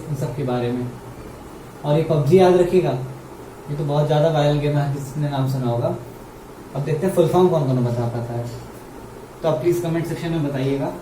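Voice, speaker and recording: A man with an Indian English accent teaching English grammar in Hindi. He repeats key words and asks his students questions. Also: on the high side. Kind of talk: explaining grammar at a board in Hindi. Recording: roomy, mic far off, faint hum.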